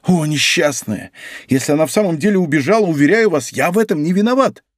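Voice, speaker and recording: Frantic whining shopkeeper, middle-aged male, read by a man, lively jumping pitch. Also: very fast, no echo, clean studio sound. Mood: agitated pleading. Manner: excitable, pleading, exclaiming. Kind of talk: audiobook character voice.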